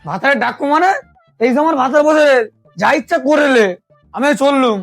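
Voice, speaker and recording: A woman playing a quarrelsome, defiant village wife in a comedy skit, loudly confrontational. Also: sits high, animated, normal speed, dry recording, soft background music. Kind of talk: broad comedy skit acting.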